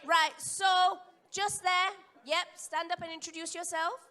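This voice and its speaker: A woman taking questions from a theatre audience with a handheld mic, brisk and directive. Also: extremely high pitch, fairly even intonation, bright, forceful tone. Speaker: roving microphone presenter. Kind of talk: live audience hosting. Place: large theatre stage.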